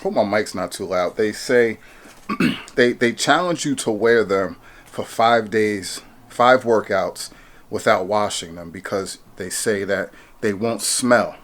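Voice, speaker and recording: A man's voice: fairly low pitch, takes it slowly, fairly bright tone. Hyped-up chatty man reviewing gear. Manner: hyped, chatty, lots of restarts and ums. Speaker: fitness vlogger reviewing gear. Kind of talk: casual product review vlog.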